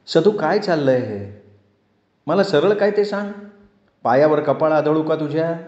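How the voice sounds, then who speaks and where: A man voicing a grieving middle-aged village mother who begs her son, raising his voice high and tearful. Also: slow pace, darkish tone, natural voice. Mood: pleading. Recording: roomy dull lo-fi sound.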